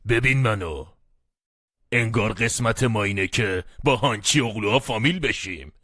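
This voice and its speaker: An actor playing a gentle middle-aged father who chuckles as he welcomes his daughter home in a dubbed TV drama. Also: on the low side, no echo, clean studio sound.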